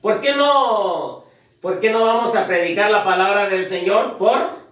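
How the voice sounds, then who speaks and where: A preacher delivering a sermon, asking the congregation questions and counting off points. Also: male voice, high voice, unhurried, a bit bright, far from the mic. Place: church. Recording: echoey church heard from afar.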